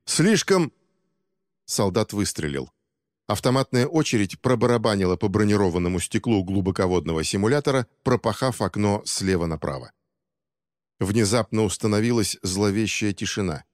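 A man narrating an action thriller audiobook in a steady, dramatic reading. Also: on the low side, a little fast, no echo, studio quality, big-room sound. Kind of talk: scripted narration.

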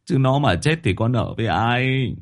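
A man's voice: medium pitch, lively intonation, normal speed, close to an everyday voice. A man voicing a desperate peasant husband who pleads and stammers in a storybook. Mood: pleading.

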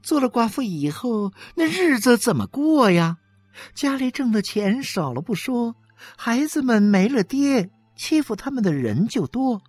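A woman's voice: fairly high pitch, big pitch swings, a little slow, a little mellow, husky, dry recording, faint music behind, heavily acted. A woman voicing a smug, chatty wife who gloats and scatters sighing fillers through her talk. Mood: boastful. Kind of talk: dramatic reading.

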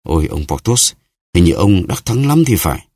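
A man's voice: sits low, very animated, normal speed, warm tone, breathy edge, no echo, clean studio sound, full character voice. A man voicing a jealous middle-aged lawyer's wife who pleads and reproaches in a raised voice. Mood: suspicious.

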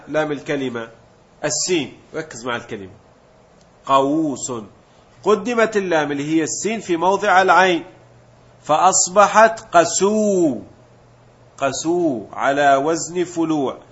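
A man's voice: a little high, fairly bright tone. Man teaching. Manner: explains step by step, asks and answers his own questions; mixes colloquial Gulf Arabic with classical terms. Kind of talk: Arabic morphology lesson. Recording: dull lo-fi recording.

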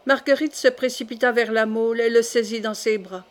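A woman narrating a classic novel as an audiobook, in an even, measured storytelling voice. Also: on the high side.

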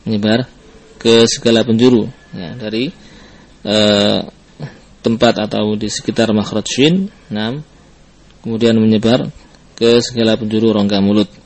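Male recitation teacher, unhurried and patient, models each letter sound again and again for students to repeat. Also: lowish voice, steady tone. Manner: mixes in Arabic terms. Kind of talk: tajwid lesson with drills.

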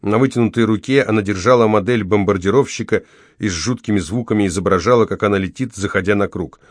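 A man reading a novel aloud in steady, measured scripted narration. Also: on the low side, no echo, studio quality. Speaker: audiobook narrator.

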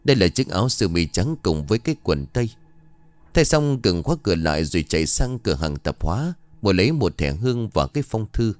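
Người đàn ông kể truyện ma, giọng rất trầm, lên xuống sinh động. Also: male voice, sits low, sing-song, brisk, dry recording, faint music behind. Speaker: storyteller. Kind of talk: scripted horror story narration.

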